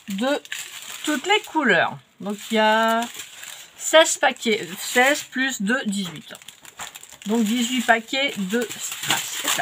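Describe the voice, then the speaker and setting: A crafts vlogger with a French accent and a cold-stuffed nose chats casually while unboxing craft kits, full of fillers and restarts. Her mid-range voice is fairly bright, with a little hiss or hum in the audio.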